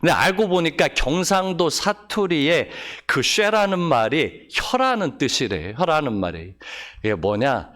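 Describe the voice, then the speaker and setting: A man preaching a Sunday sermon as pastor, reading scripture solemnly and asking the congregation questions. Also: on the high side. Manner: lively, talks straight to the congregation with questions; reads scripture slowly and solemnly.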